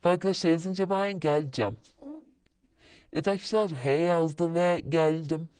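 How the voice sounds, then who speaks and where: A woman's voice: normal speed, warm tone. A woman vlogger chatting casually to her viewers while she types messages, muttering to herself and breaking into sudden exclamations. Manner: sudden high-pitched exclamations. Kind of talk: casual screen-recorded commentary.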